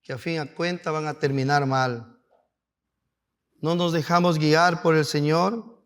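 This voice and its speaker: A male pastor preaching a sermon to his congregation, asking them rhetorical questions and building up to fervent, shouted climaxes. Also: fairly high pitch, steady tone, unhurried, smooth. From Peru.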